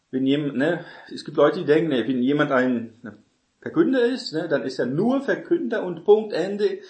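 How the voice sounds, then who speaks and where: In an echoey room, a man with a slightly high voice delivers a Bible-teaching sermon that explains as it goes. He keeps restarting sentences and tacks tag questions on to check in with listeners.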